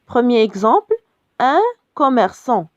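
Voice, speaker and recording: Slow, careful woman teaching French spelling. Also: a little high, expressive, no echo. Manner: slow and careful, repeating words and spelling out letters. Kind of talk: spelling lesson for beginners. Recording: dull lo-fi sound, dry.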